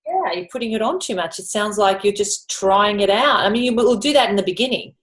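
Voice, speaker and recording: A woman voice coach in an interview, explaining voice technique with lively demonstrations. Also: mid-range voice, fairly quick. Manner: animated teacher, drops into vocal demonstrations.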